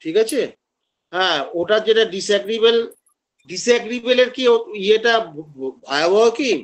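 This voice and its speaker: A man's voice: high voice, animated, normal speed. A man teaching homeopathy in an online class, explaining at length and acting out how patients speak. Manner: explanatory, acts out patients' lines.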